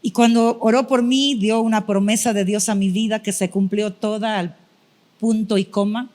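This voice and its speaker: A woman's voice: mid-range voice, steady tone, moderate pace, a little mellow. Middle-aged woman preaching an emotional testimony. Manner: emotional storytelling, acting out her own past prayers. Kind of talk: sermon testimony.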